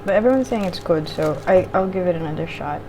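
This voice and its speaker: Low-pitched woman chatting while eating, noisy recording. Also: animated, fast. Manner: informal, meandering, with casual swearing. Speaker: vlogger eating on camera while reviewing a show. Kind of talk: casual mukbang chat. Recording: clearly audible background noise.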